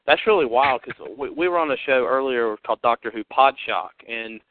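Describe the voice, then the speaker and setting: Over a narrow, dry phone connection, a podcast host talks in a brisk, expressive, medium-pitched voice with no echo. His casual chat is upbeat and chatty, rambling with fillers.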